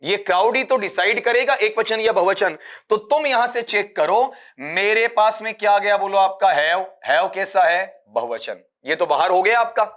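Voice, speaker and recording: A man's voice: high-pitched, normal speed, few pauses, a bit bright. A man teaching an exam-prep grammar lesson, calling his students "beta" and asking questions that he then answers himself.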